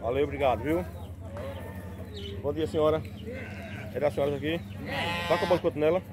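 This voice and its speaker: A man's voice: on the high side, fairly quick. A man walking an outdoor goat market with his phone, chatting with sellers about prices and relaying them to viewers. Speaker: vlogger touring a livestock market. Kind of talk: casual on-the-spot market walkthrough. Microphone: phone camera held by the speaker. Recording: noisy outdoor market with crowd. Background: crowd chatter and bleating animals.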